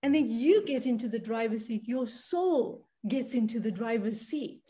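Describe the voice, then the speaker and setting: A South African woman who works as a money and spiritual coach talks earnestly in a conversational interview, often checking in with "right?". Her voice is a little high, animated, and mellow, at a normal speed.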